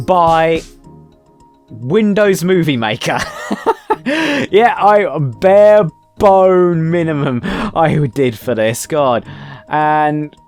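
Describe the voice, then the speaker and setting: Self-mocking man reacting. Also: medium pitch. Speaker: channel host. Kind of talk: reacting to his old video.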